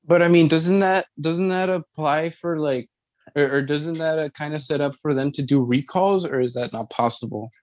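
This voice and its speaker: A man's voice: a little high, moderate pace, slight background noise. A man co-hosting a casual podcast chat, reacting, swearing and laughing. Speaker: podcast co-host.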